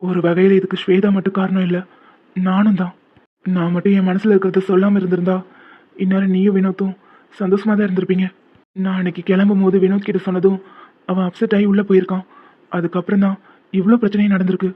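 A devoted young man from a cartoon love story, voiced by a man, speaking earnestly in a high, level voice. The sound is tinny and phone-like. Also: completely flat delivery, quick pace, long pauses. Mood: tender. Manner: earnest, soft-spoken comforting. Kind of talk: cartoon voice acting.

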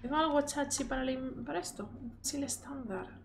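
A woman's voice: high-pitched, animated, fairly quick, gravelly, slight background noise. A young woman with a Spain Spanish accent giving casual gameplay commentary as a streamer, shrieking and swearing at the action, then reading item menus aloud to herself.

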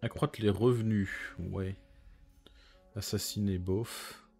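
Low-voiced man thinking aloud over a game. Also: fairly even intonation, takes it slowly, creaky, over music. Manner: muttering through menus, thinking aloud. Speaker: gaming streamer. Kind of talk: casual co-op strategy game commentary.

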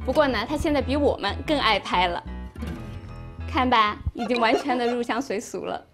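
A woman's voice: a little high, moderate pace. A woman giving a short video testimonial about a friend. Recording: music playing behind the voice.

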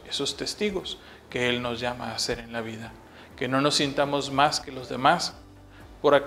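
A man with a Mexican accent, reading the gospel and giving a reflection as a parish preacher, in a measured, solemn way that slows on closing phrases. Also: mid-range voice, a bit bright. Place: parish church. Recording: long reverb with faint background noise.

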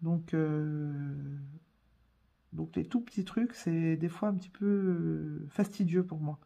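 A woman hosting a coloring tutorial in a casual voice-over, chatty and hesitant, filling pauses often. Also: sits low, vocal fry, dark tone. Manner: chatty, hesitant, many fillers.

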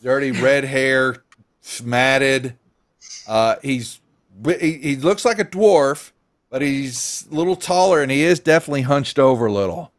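A middle-aged man narrating a tabletop game as game master in a casual, halting, conversational way. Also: mid-range voice.

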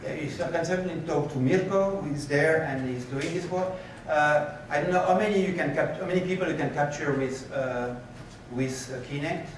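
A man giving a conference keynote and answering questions, animated and moving about the stage, recorded from a far camera in a lecture hall. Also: a little high, moderate pace, hardly any pauses, a little hiss or hum. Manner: animated, gestures while pacing the stage. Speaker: keynote speaker. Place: lecture hall with projector screens. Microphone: far room camera.

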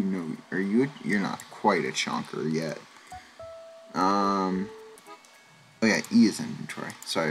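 A young man giving casual, rambling gameplay commentary, full of fillers and sudden excited outbursts. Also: mid-range voice. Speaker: gaming channel host. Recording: faint music behind.

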